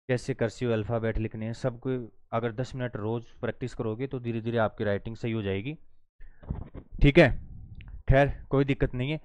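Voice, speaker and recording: Hindi-speaking man teaching phonetics, smooth voice. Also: on the low side, a little mellow, dry recording. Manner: explains step by step, repeats words slowly while writing. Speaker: English teacher. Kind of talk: Hindi-language online lesson.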